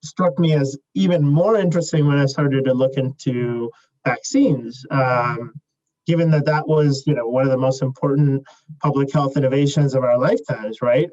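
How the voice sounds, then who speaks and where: A young adult man from Chile, a startup CEO answering interview questions in a measured way, with many fillers and restarts. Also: medium pitch, a little mellow, dull audio.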